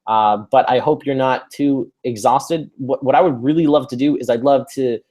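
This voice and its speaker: A man's voice: mid-range voice, normal speed, warm tone. Upbeat man hosting a live webinar. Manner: upbeat, chatty, many fillers and restarts. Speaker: webinar host.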